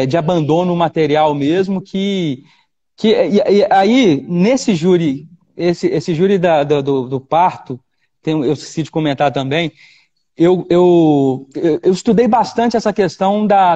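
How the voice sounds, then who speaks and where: Brazilian male lawyer, animated storyteller, restarts often; muffled audio. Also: on the high side. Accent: Brazilian Portuguese. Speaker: defense lawyer, guest. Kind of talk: storytelling interview.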